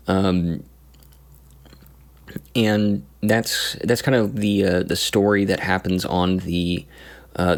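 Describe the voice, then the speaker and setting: A man recounting his tabletop campaign as game master, in a casual, halting way with many pauses and restarts. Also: low voice. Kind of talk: casual story recap.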